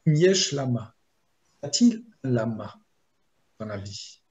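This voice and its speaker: A man teaching a Torah lesson as a rabbi, explaining slowly and chanting Hebrew verses in between. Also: medium pitch, sing-song, a little mellow, highs cut off. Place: video lesson.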